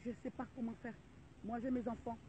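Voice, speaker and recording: A woman's voice: on the high side, little pitch movement, a little fast, mellow. A middle-aged woman making an indignant, rallying video appeal to viewers, repeating her calls again and again. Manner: indignant, repetitive, rallying cries. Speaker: vlogger addressing viewers. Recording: tinny phone-like audio with faint noise.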